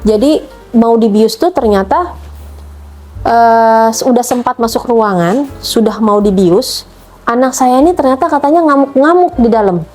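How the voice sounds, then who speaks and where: A woman's voice: measured pace, darkish tone, soft background music. A middle-aged woman telling a personal testimony about her child, emotionally retelling events and acting out the dialogue. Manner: emotional retelling, acts out dialogue with rising pitch. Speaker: mother telling her conversion story.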